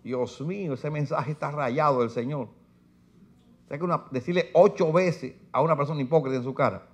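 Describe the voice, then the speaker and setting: A man's voice: on the high side, a little fast. A man preaching a sermon in church, reading scripture aloud with force and putting rhetorical questions to his listeners. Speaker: pastor. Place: church sanctuary.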